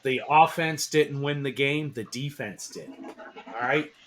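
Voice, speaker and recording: A man talking sports on a radio show, his voice sitting at an ordinary middle pitch. He gets excited fast, swears freely and circles back over his own words. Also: a little hiss or hum. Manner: excitable, swears, laughs, repeats himself. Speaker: talk radio co-host. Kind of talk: casual sports talk.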